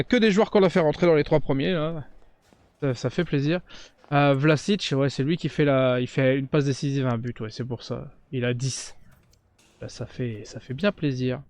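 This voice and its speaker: Gaming YouTuber, male, higher-pitched, chatty and excitable, casual play-along commentary. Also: clear, resonant tone, no echo. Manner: excitable, cheers and shouts during big plays; chatty, talks straight to viewers.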